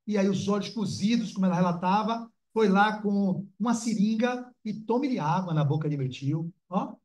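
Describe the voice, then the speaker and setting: Theatrical high-voiced male lecturer. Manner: animated, theatrical, acting out voices. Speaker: spiritist lecturer. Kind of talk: lecture with dramatized personal story. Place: spiritist center meeting hall.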